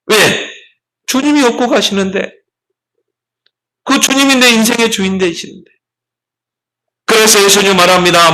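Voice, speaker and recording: A man preaches a sermon as a pastor, his voice pitched high and ringing bright. He drives each point home with rhetorical questions. When he recites scripture, he slows down to deliver it deliberately. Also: rough recording.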